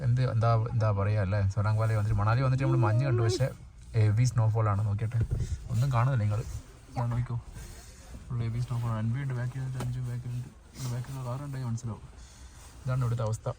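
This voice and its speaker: A man's voice: mid-range voice, little pitch movement, quick pace. A man with a Malayali accent gives casual, exclamatory travel vlog commentary, often repeating short phrases. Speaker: travel vlogger. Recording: noisy location audio with ambient din.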